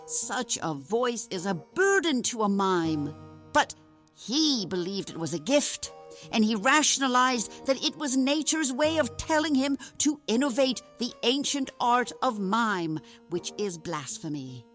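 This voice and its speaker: In an audio drama, a woman with a fairly high, fairly bright and animated voice plays a solemn, wise carnival ringmaster. She tells tales in a grave, deliberate, formal manner, with faint music behind her.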